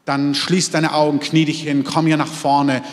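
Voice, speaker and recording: A man preaching a sermon to his congregation, lively, moving between loud exclamations and quiet, intimate asides. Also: fairly high pitch, unhurried, long reverb tail. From half French, in Germany. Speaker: pastor. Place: church hall.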